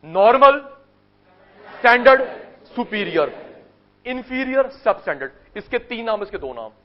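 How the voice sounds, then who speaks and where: An Indian man teaches economics to a live class, high in pitch and insistent. He hammers terms through repetition and coaxes answers out of the students. The classroom recording is dull and muffled. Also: very animated, unhurried. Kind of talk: classroom lecture with call-and-response drills.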